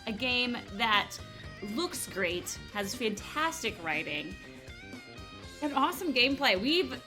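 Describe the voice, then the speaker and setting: A woman's voice: fairly high pitch, very animated, slow, music in the background. A woman hosting a casual game livestream, chatting and greeting viewers as she corrects herself. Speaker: livestream host.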